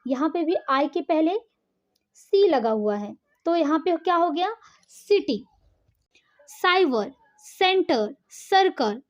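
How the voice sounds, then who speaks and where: A woman teacher giving an online English lesson, explaining step by step and often checking in with the learner. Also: high-pitched.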